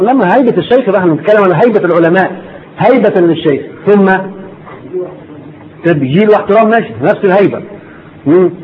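A man with an Egyptian accent giving an Islamic lesson to a class, repeating his points and firing rhetorical questions at his listeners. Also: sits high. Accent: Egyptian Arabic. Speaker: religious teacher. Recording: dull lo-fi recording, faint noise.

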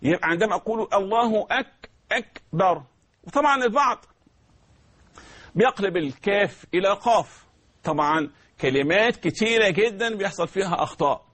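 Egyptian male tajweed teacher, high bright voice, slow, drawn-out demonstrations. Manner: slow drawn-out recitation, repeats sounds for students to copy. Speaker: Quran recitation teacher. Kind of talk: tajweed lesson with recited verses.

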